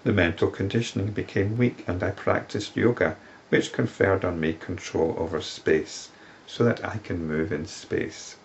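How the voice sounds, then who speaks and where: Imploring woman seeker from an old text, read by a man, low creaky voice. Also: fairly even intonation, moderate pace, slight background noise. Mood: pleading. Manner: earnest, imploring recitation.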